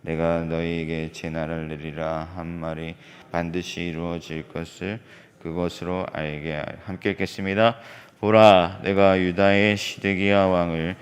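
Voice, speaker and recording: A man reading scripture aloud in church, with a solemn, measured and even recitation. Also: low-pitched, smooth. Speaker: scripture reader.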